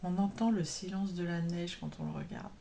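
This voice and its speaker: A woman's voice: on the low side, fairly even intonation, normal speed, creaky, warm tone, slight background noise. A woman vlogging about cross-stitch in a chatty, rambling way, full of fillers and self-corrections. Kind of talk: casual chat to camera.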